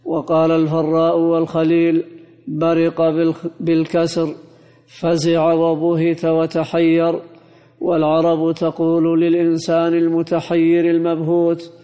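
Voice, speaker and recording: A man reading a classical commentary aloud in a monotone, chanting recitation for a teacher. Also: on the high side, unhurried, in a large hall. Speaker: student reading the text aloud.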